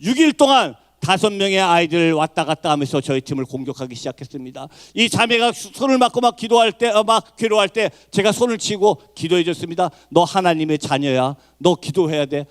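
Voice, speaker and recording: A middle-aged man, a missionary preacher, giving an impassioned sermon that swings from hushed tones to shouting. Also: sits high, expressive, quick pace, few pauses.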